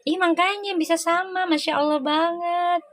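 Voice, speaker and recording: A woman's voice: very high voice, steady tone, normal speed, no echo. A woman doing a casual live tarot reading, exclaiming and laughing often as she talks. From Indonesia. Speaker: tarot reader.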